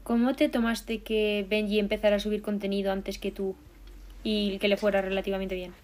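A young woman interviewing someone in a relaxed, chatty way, passing on questions from fans. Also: medium pitch, brisk. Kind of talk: casual conversation.

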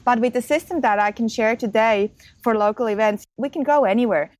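A Swiss-born woman in her thirties, co-founder of a marketing business, explains her work as a guest on an easygoing podcast. Her voice is fairly high and fairly quick with a darkish tone, upbeat and quick to laugh, recorded with no room sound.

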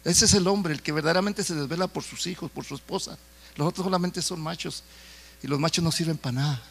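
A man's voice: a little high, quick pace, gravelly, a bit bright, husky. A middle-aged man preaching a sermon, talking to the congregation in a conversational way with stories and jokes.

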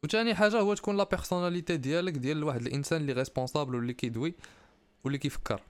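Fast-talking young Moroccan-accented man, emphatic and clear. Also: on the high side, no room sound. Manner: mixes Arabic with French and English phrases; emphatic, motivational advice-giving. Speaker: podcast host. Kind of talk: casual chat, answering listener questions.

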